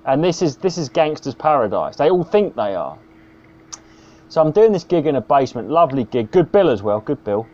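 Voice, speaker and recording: A man's voice: mid-range voice, big pitch swings, a little fast, dark tone. A man, a stand-up comedian telling a sweary, rambling anecdote on a podcast. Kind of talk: casual storytelling. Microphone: video call. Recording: dull lo-fi video call audio.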